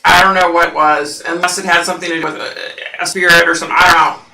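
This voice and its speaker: Speaking fast and flatly with vocal fry, a psychic host with a lowish, husky, scratchy voice and sharp tone rambles through a casual home livestream. Fillers abound, and the recording sounds roomy, with her far from the mic.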